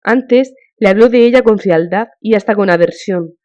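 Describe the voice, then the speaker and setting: A woman narrating an audiobook of a classic novel in a measured, even storytelling manner. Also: mid-range voice. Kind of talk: scripted narration. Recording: dull lo-fi audiobook recording.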